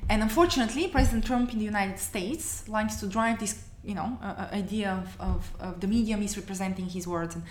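A woman's voice: mid-range voice, brisk, few pauses. A woman, answering interview questions earnestly and passionately, often restarting her phrases. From Bulgaria. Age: 30s. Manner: passionate, many restarts and "you know". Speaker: interview guest, activist. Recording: echoey room, faint noise.

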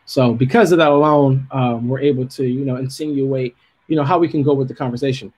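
A husky-voiced man hosting a livestream from his office. He talks in a loose, slangy, easygoing way and reads out viewer questions. His pitch sits in an ordinary middle range. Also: fairly even intonation, brisk. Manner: slangy and laid-back, shouts out viewers. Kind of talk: casual chat.

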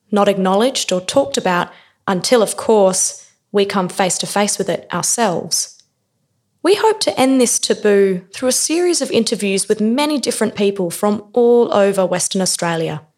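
A woman narrates a scripted introduction in a calm, deliberate way. Her voice sits at an ordinary middle pitch. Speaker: program narrator.

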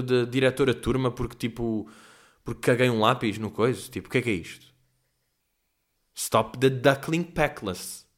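A young man with a European Portuguese accent hosts a casual Q&A, ranting animatedly and swearing a lot. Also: mid-range voice. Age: young adult. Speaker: host. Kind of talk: casual chat, Q&A rant.

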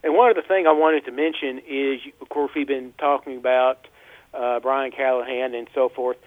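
A man's voice: medium pitch, fairly even intonation, no room sound. A man calling in over a landline phone. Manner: rambling, halting with fillers. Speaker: caller. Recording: tinny landline phone line.

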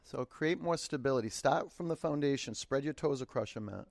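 Male yoga instructor, encouraging and unhurried, gentle repeated cues, dry sound. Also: mid-range voice, gravelly, dry recording. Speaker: yoga teacher. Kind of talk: guided yoga class instruction.

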